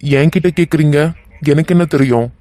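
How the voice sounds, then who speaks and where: A woman voicing defensive young men in an animated cartoon, with a Kanyakumari Tamil accent and a low, evasive way of talking. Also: fairly quick, close to an everyday voice. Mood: sulky.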